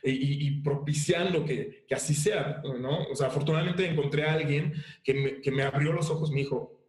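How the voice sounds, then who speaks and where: A man with a Mexican Spanish accent, a guest actor talking casually in an interview, halting with many fillers and restarts. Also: fairly high pitch, fairly even intonation, a little mellow. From Haiti and Mexico. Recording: roomy echo.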